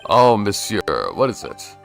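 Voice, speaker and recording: A man's voice: lowish voice, wildly swooping pitch, measured pace, gravelly, faint music behind, exaggerated voice. A man voicing a flamboyant, theatrical male French chef in a mock French accent, gushing and dramatic, dropping French words.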